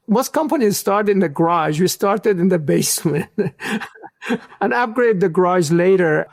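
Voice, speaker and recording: Gravelly man in his sixties, from Iran. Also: on the high side, darkish tone, no room sound, studio quality. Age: 60s. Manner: earnest storytelling with small slips. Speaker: guest entrepreneur. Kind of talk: interview answers.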